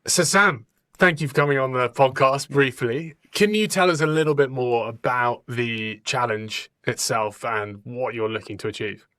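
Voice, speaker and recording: A man's voice: medium pitch, normal speed, a bit bright, dry recording, studio quality. A man hosting a podcast, upbeat and encouraging toward his guests. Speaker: podcast host. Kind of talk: interviewing.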